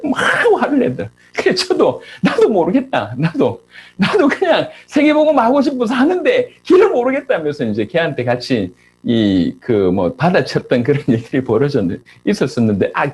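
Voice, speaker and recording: Animated Korean pastor preaching, husky voice. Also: male voice, a little high. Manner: animated preaching with rising rhetorical questions. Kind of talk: sermon.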